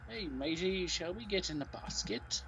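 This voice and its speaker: A man's voice: on the high side, lively intonation, moderate pace, fairly bright tone. A man streaming a game, reading its story text aloud and cooing at the cats on screen. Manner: coos and talks baby-talk to the cats. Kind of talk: reading a visual novel aloud with banter. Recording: dull lo-fi with faint music.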